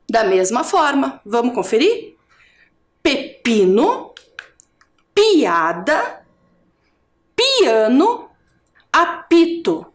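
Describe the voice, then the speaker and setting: A woman teacher with a Brazilian Portuguese accent from Curitiba, giving an adult education video lesson, drawing out syllables slowly and asking the viewer questions. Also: high-pitched. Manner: slow, drawn-out syllables for drilling.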